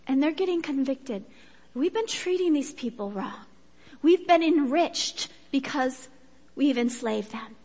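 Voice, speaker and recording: Woman preacher, bright high voice, relaxed storytelling sermon, lingering church reverb. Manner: conversational storytelling, lively emphasis.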